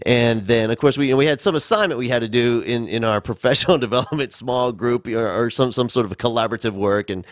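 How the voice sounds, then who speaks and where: A man's voice: medium pitch, fast talker, few pauses. An older man hosting a show, telling stories in a rambling, laughing way with many restarts. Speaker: podcast host. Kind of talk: casual storytelling chat.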